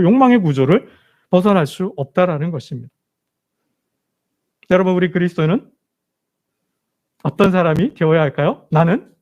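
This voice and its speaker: A man's voice: high-pitched, darkish tone, highs cut off. A male pastor preaching a sermon in a church, asking rhetorical questions and repeating emphatic phrases. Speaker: senior pastor. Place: church sanctuary.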